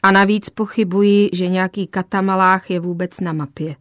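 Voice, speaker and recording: A woman's voice: mid-range voice, fairly even intonation, no echo, lightly acted. A woman reading an audiobook, voicing a wry, skeptical father of a family. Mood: dry. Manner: dry, mock-surprised.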